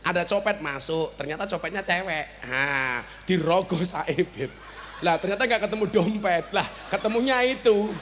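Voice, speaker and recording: A Javanese-accented man gives a comic sermon in a high, bright, forceful voice. He teases the crowd, trades banter and shouts out his punchlines. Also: normal speed, slight background noise. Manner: joking, banter with the audience, bursts into shouts. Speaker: preacher. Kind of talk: humorous sermon at a village gathering.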